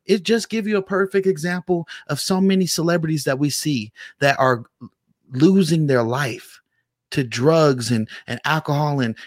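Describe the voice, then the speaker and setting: A man's voice: fairly high pitch, no echo, clean studio sound. A man co-hosting a motivational talk, preaching in emphatic, repetitive phrases. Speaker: co-host.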